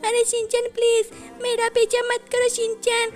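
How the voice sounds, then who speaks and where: A man's voice: very high-pitched, completely flat delivery, normal speed, soft background music, voice pushed up. A man voicing a frightened little cartoon girl who keeps pleading in a whimpering voice. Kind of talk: cartoon voice over gameplay.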